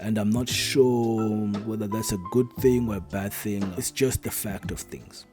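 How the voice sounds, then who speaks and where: A man reacting to a poem, giving thoughtful, analytical commentary that often trails off quietly at the end of a thought. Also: on the low side, fairly even intonation, measured pace, over music.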